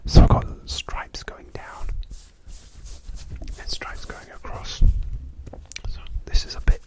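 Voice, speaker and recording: A man's voice: slow, poor audio. Whispering British man rambling in ASMR style. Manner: chaotic, hesitant, wandering, repeats words softly. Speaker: ASMR video host. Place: hotel room.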